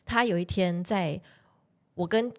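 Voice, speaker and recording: A young woman, a podcast guest telling personal stories in a casual, animated way and laughing often. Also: fairly low pitch, a little slow. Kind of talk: casual storytelling chat.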